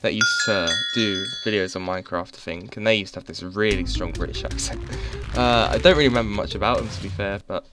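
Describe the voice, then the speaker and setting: A man with a fairly low voice speaks a little fast as he casually commentates his gameplay on a headset mic. The gaming YouTuber rambles, jokes to himself in a self-mocking way, and keeps restarting his sentences, while game music runs in the background.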